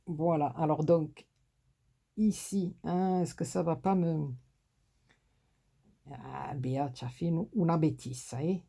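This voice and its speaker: Slow, husky southern French woman crafting. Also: deep voice, fairly even intonation, dark tone. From southern France. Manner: chatty, talks to herself and teases herself while working. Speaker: crafting tutorial host. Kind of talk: casual craft tutorial.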